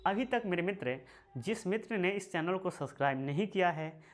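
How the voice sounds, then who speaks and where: A man teaching a history lesson for exam preparation, repeating key phrases slowly and calling viewers his brothers and friends. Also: high voice, expressive. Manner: slow, repeats phrases for emphasis.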